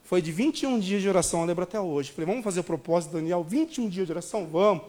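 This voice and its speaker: A Brazilian man in his thirties preaching a sermon, telling a personal story in an animated way and calling the congregation brothers. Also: high-pitched, rapid-fire. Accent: Brazilian Portuguese. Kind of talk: sermon testimony.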